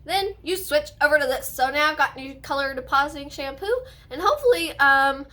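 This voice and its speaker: A woman's voice: sits high, lively intonation, a little fast, pushed and bright. A woman vlogging in a hyped, gushing way, chatty, playful and sassy, rambling casually to her viewers. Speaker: host of a personal video channel. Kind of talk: casual chatty haul and giveaway vlog. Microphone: on camera with ring light.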